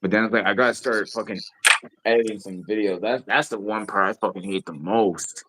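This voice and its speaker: A man's voice: fairly low pitch, steady tone, fairly quick, very noisy. A man live streaming in casual chat, rambling and swearing freely with lots of filler phrases.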